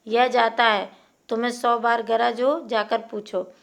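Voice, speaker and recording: A woman's voice: on the high side, level tone, measured pace, gravelly. A woman voicing a young village wife who speaks in a scornful, taunting way. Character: Mulia, young wife, sharp-tongued and scornful.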